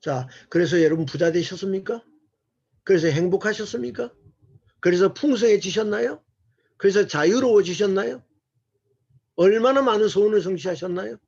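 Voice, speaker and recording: A man's voice: high-pitched, normal speed, vocal fry, long pauses, darkish tone, slightly rough. A man giving an earnest, sermon-like discipleship lecture to a church class, asking the audience rhetorical questions. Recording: muffled lo-fi recording.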